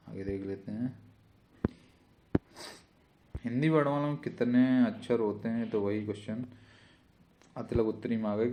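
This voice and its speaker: A man's voice: fairly low pitch, darkish tone. A male teacher giving an exam-prep spelling lesson, repeating each word and checking in with "theek hai".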